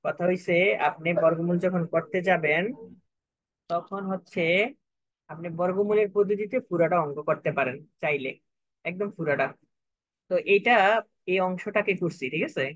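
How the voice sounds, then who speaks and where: A man's voice: high-pitched, normal speed, long pauses, dry recording, highs cut off. Patient man tutoring math. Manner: patient, repetitive, checks for understanding. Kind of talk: step-by-step math lesson.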